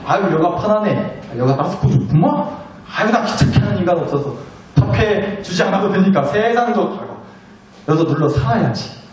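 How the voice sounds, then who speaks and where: A man's voice: sits high, expressive, brisk, darkish tone. A male pastor voicing a lazy man who is happy to stay stuck in a pit, with a drawling, sighing, complacent delivery. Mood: lazy contentment. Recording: very echoey church hall, mic at a distance.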